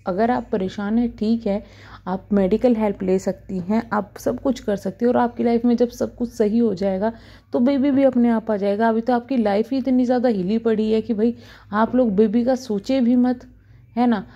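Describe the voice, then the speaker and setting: A woman's voice: on the high side, fairly even intonation, moderate pace, warm tone, lo-fi sound. A woman in her thirties talking to camera as a vlogger, earnestly scolding and giving advice. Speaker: YouTube reaction vlogger.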